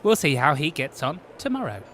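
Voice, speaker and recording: A man's voice: on the high side, very animated, a little fast, fairly bright tone, slight background noise. A man presenting and commentating on motorsport in an exclamatory, showy delivery.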